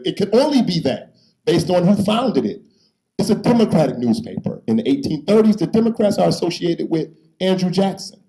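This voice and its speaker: A man's voice: on the high side, dark tone, poor audio. A man giving a public history lecture, conversational and emphatic, repeating key phrases and acting out quotes to a live audience.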